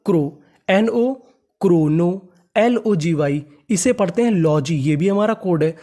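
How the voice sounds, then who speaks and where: Man, teacher, classroom lesson, slow repeated drills, asks and answers himself. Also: high-pitched, mellow. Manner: drills words slowly, repeating each several times. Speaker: English teacher.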